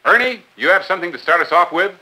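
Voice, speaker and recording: Bright-voiced 1950s newsreel announcer man. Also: high-pitched, lively intonation, fast, rough recording. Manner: polished, eager announcer delivery.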